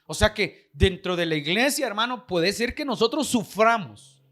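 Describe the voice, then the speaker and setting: A man's voice: sits high, lively intonation, normal speed, pushed and bright. A man preaching a sermon as pastor, with a Guatemalan Spanish accent, putting questions to the congregation.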